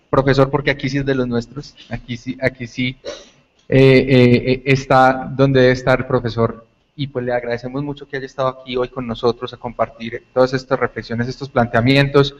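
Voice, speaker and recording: A man making closing remarks as moderator, hesitant with many fillers. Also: medium pitch. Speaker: event moderator.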